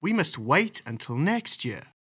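A sly, lazy trickster rabbit, put on by a man reading a storybook aloud. He wheedles cheekily in a voice pitched well above the reader's own, swooping up and down. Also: big pitch swings, unhurried, bright, forceful tone, breathy edge, exaggerated voice.

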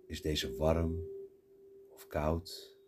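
Slow, very deep-voiced meditation guide. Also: male voice, background noise. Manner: slow, calm instructions with long pauses.

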